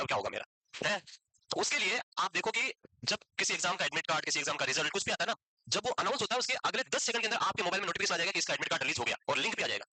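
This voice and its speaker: A young male tutor talks very quickly in a sharp, forceful voice, pitched a little high. He coaches nursing exam takers in a chatty, reassuring way, slipping into stories and imitations of worried students. The sound is close and dry. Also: dry recording, low-quality recording. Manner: chatty, reassuring, tells anecdotes and mimics students. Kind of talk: casual Hindi lecture.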